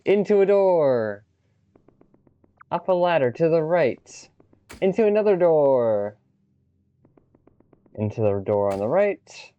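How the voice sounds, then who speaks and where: A man's voice: a little high, very animated, takes it slowly, long pauses, mellow, clear, resonant tone, muffled recording. A man casually narrating a video game walkthrough with wry, offhand remarks. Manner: wry, offhand, swears when he slips.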